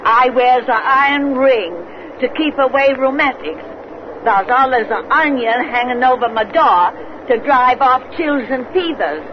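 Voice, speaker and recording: A woman playing a gleeful, folksy 110-year-old witch with a cracked, cackling voice, in old radio horror style. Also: high voice. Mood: gleeful boasting. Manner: folksy rustic dialect, gleeful, drawn-out words. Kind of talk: 1930s radio horror acting. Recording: muffled, noisy old radio recording.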